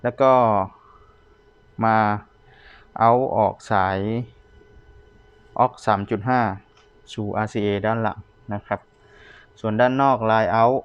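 A man's voice: fairly low pitch, fairly even intonation, slow, pauses often, smooth, no echo, dull audio. A man giving a casual, polite product demonstration as a seller, talking the viewer through equipment. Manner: polite, ends most phrases with courtesy particles.

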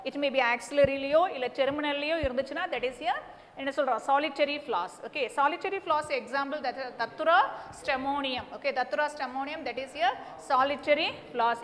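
A woman's voice: high voice, a bit bright. A middle-aged woman with a South Indian Tamil accent, a native Tamil speaker, teaching a classroom lesson that mixes English and Tamil, repeating points emphatically with frequent check-in words. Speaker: botany teacher. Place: indoor teaching studio beside a display board. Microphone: lapel mic. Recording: echoey room with clear background noise.

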